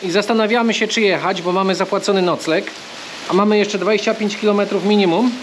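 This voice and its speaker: A high-voiced man chats casually to the camera while cycling a trail outdoors. A faint hum of open air sits under his voice. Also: fairly even intonation, fast talker. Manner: chatty, coaxing talk to a bird. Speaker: travel vlogger. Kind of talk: casual travel vlog.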